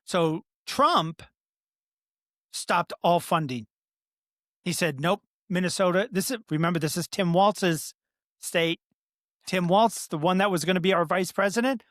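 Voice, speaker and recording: Pausing often at a measured pace, a podcast host with a fairly bright mid-range voice talks politics bluntly, casually, and with profanity. His speech impediment makes R sound like W. The studio sound is clean, with no echo.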